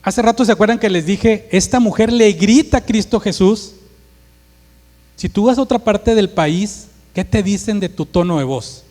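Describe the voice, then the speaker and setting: A man's voice: high voice, normal speed, darkish tone. A male pastor with a northern Mexican Monterrey accent, preaching emphatically and acting out dialogue with force. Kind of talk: sermon. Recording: long hall reverb.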